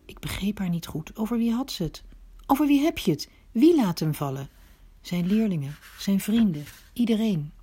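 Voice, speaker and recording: A woman telling a dramatic first-person story, swinging between hushed asides and indignant outbursts. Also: mid-range voice, expressive, moderate pace, husky.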